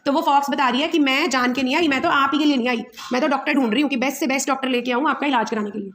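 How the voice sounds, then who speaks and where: High-voiced woman teaching a story. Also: racing, fairly bright tone, slight background noise. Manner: patient, explains each word, checks understanding. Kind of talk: story lesson for young children.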